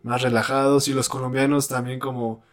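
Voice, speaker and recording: A man's voice: medium pitch, level tone, a little fast. Laid-back Mexican man hosting a podcast. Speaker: podcast host. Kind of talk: casual chat.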